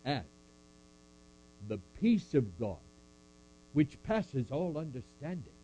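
A man puppeteering an older apostle in a church skit, taking his time over every phrase. The voice sits low and mellow, preachy one moment and deadpan joking the next. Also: takes it slowly, slight background noise, rough recording. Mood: playful. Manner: preachy, dryly joking, speaks to a crowd. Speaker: puppet performer.

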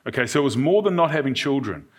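A man's voice: medium pitch, expressive, fast talker, husky. A man with a New Zealand accent speaks as a pastor, giving a conversational sermon and checking in with his listeners. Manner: checks in with listeners using short tag questions. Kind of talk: conversational evening sermon to a congregation.

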